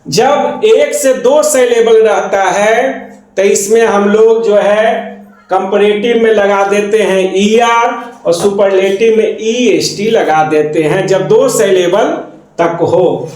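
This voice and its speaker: A man's voice: high-pitched, slow, a little mellow, heavy reverb. A man with a Hindi accent teaching an English grammar lesson, repeating terms and asking and answering his own questions. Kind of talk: classroom lesson explaining grammar.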